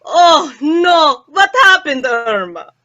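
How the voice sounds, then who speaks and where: Woman as Professor Kropotkin, a bright, animated old joker. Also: high voice, takes it slowly, no echo, heavily acted. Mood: mock dismay. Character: jocular, teasing old male professor. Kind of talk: old-time radio comedy acting.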